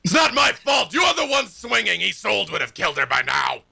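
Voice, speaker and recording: Man as maniacal sentient blade in a tabletop game: raised pitch, shouted demands, taunting, bloodthirsty. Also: huge pitch swings, moderate pace, vocal fry, slightly rough, exaggerated voice. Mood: scolding. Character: maniacal, bloodthirsty, nagging sentient sword spirit.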